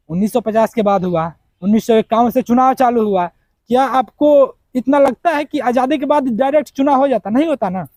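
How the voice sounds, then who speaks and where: A man's voice: very high-pitched, a little mellow, dry recording. A man giving a heated political rebuttal to his viewers, combative and firing off rhetorical questions. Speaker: political commentator.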